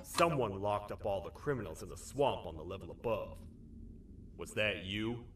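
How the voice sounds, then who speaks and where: Man voicing Sheriff Toadster, a gruff low-voiced toad lawman. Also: lively intonation, normal speed, recorded from a distance, background noise, natural voice. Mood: stern, interrogating. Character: gruff, dutiful toad sheriff guarding a kingdom. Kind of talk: video game character acting.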